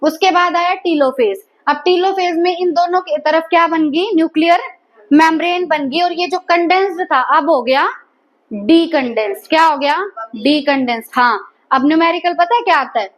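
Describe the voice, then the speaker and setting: Woman, biology teacher, high voice, classroom lecture, asks and repeats answers. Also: normal speed.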